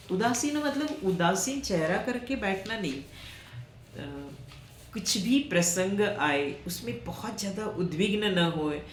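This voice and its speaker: A woman teaching scripture, chanting Sanskrit verses slowly and then explaining them in everyday conversational speech. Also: on the low side, echoey room, a little hiss or hum. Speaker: Gita teacher. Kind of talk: slow explanatory teaching talk.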